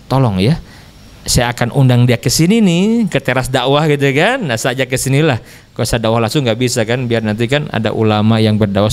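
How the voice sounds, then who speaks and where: A man voicing a calm, coaxing young preacher. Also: medium pitch, voice pushed down, close to an everyday voice. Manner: easygoing, coaxing, chatty.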